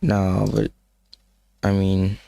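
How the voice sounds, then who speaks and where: A man hosts a live stream on his own in a room, his voice gravelly with morning roughness. He rambles with plenty of fillers and restarts. The sound is close and dry. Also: on the low side, monotone, drawn-out words, warm tone, no room sound. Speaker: livestream host. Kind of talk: casual live-stream chat. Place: room, alone.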